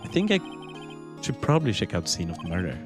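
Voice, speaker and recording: Man voicing a wry young lawyer, dry, probing, lively pitch, clear background music. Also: fast talker. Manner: dry, questioning. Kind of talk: fan dub of a video game.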